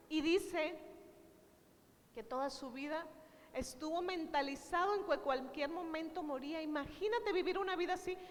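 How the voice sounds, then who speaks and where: High-voiced woman preaching in a reverberant hall. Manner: earnest, direct address to the congregation; retells conversations with quoted dialogue. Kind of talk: sermon.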